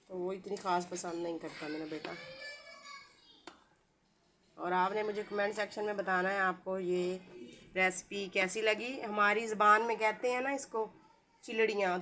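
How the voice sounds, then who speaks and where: A woman's voice: medium pitch, a bit bright, a little hiss or hum. A middle-aged woman with a Pakistani Urdu accent, chatting through a home cooking tutorial with homely, rambling asides. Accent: Pakistani Urdu, village Saraiki-like dialect. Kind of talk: casual cooking tutorial chat.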